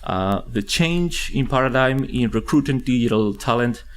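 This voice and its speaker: Introducing the speakers at a conference panel, a man talks at a moderate pace in a medium-pitched voice with lively intonation. His presentation is full of hesitations and filler words.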